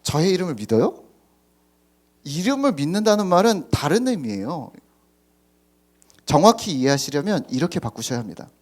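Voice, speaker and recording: A man's voice: fairly high pitch, sing-song, normal speed, long pauses. A middle-aged man preaching a sermon as a pastor, talking conversationally with the congregation, asking them questions and acting out parents scolding at the table. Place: church sanctuary.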